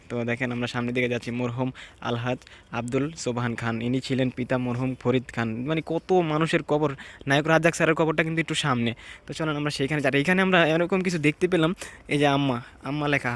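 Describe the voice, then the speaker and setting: A man gives a hushed, reflective walking tour of an outdoor graveyard, pausing to read the graves aloud. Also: medium pitch, steady tone. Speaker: vlogger. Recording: outdoor ambience noise.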